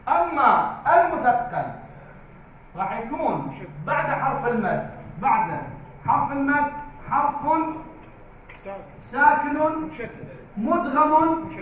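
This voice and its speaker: A man teaching a tajweed class in a classroom, slow and drawn-out, repeating key words for the class. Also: very high-pitched, sing-song, slight background noise. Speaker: Quran recitation teacher. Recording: very echoey, distant, tinny phone-like sound.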